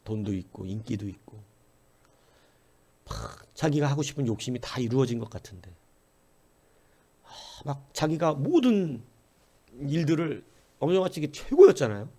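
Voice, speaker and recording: A male pastor delivering a sermon in church, telling a story with plenty of energy. He acts out the quoted lines, and his pitch climbs and drops as he goes. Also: gravelly, mellow, breathy edge.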